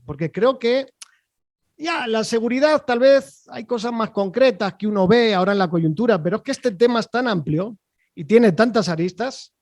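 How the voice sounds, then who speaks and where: A man with a fairly high voice hosts an online interview from a video call, talking in a loose, chatty way with plenty of fillers. His sound is dry and close, with no room around it. He keeps checking in with his guest as he goes. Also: a little mellow, dry recording. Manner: chatty, rambling, with frequent fillers and "¿vale?" tags. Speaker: host.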